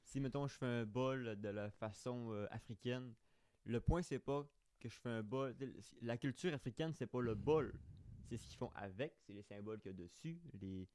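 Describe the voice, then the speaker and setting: A man with a Québécois French accent, making his case earnestly in casual podcast talk, often halting and restarting. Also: medium pitch, darkish tone, smooth. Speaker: podcast co-host.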